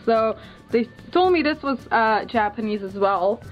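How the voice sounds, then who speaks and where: A woman's voice: a little high, animated, a little slow, faint music behind. Dutch-accented woman, muffled camera sound. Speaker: vlogger. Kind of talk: casual chat, showing a haul. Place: small bedroom, indoors. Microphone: handheld camera's built-in mic.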